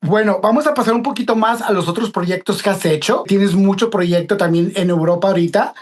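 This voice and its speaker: A man's voice: high voice, a little fast. A man with a Mexican accent hosting an interview, chatty and repeating himself as he builds each question. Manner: chatty, warm slang, repeats words as he asks. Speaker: interviewer, host.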